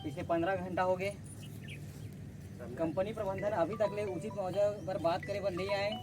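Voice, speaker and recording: A man's voice: sits high, little pitch movement, normal speed, over music. A man with a Chhattisgarhi accent announcing at an outdoor protest and calling supporters to join the sit-in. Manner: rallying, calls supporters to come. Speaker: protest organizer.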